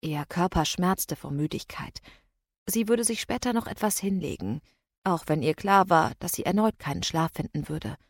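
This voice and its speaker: A woman reads an audiobook in measured, steady narration. Her voice sits somewhat low, and the recording is dry and close, with no room sound at all. The storytelling is even and unhurried. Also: no room sound. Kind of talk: scripted narration.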